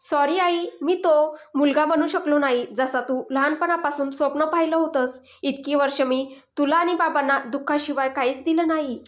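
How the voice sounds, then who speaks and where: A woman's voice: high-pitched, steady tone, normal speed, few pauses, lightly acted. A woman voicing a teasing young husband. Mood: tender. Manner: teasing, light banter.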